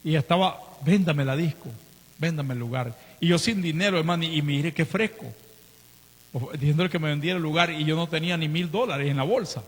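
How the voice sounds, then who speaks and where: Husky male pastor, Nicaraguan accent, animated sermon delivery in an echoing church. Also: fast. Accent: Nicaraguan Spanish. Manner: storytelling with lively swings in pitch and volume. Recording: reverberant church hall.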